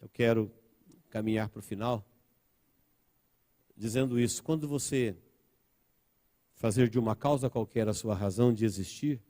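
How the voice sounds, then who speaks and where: A Brazilian man preaching a sermon as pastor, with a Brazilian Portuguese accent, repeating phrases and swinging between soft and loud. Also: lowish voice. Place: church sanctuary. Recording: church hall reverb.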